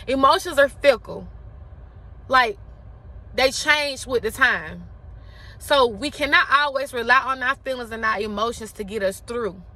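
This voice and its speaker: Bright, high-pitched woman giving impassioned encouragement. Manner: impassioned, emphatic, repeating phrases for effect. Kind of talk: emphatic motivational talk.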